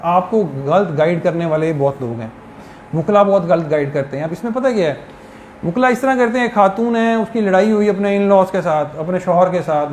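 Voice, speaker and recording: A man's voice: high-pitched, darkish tone. A man giving a law lecture to trainee judges, explaining step by step through worked examples. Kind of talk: classroom lecture. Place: lecture hall. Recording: echoey hall with background hiss.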